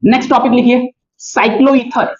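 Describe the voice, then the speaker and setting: A man's voice: extremely high pitch, little pitch movement, normal speed. A male chemistry teacher giving a classroom lecture, explaining step by step and often checking in with his students. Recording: dull lo-fi recording.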